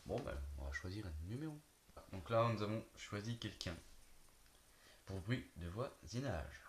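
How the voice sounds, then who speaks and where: A young man hosting prank phone calls banters casually in slangy, teasing, sweary speech. His lowish voice is animated and moves at normal speed. The room is echoey, with clicks and noise.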